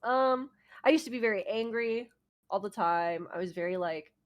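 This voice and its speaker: A woman's voice: medium pitch, normal speed. A woman chatting casually as a laid-back VTuber guest in an interview, giggly and loose in her phrasing.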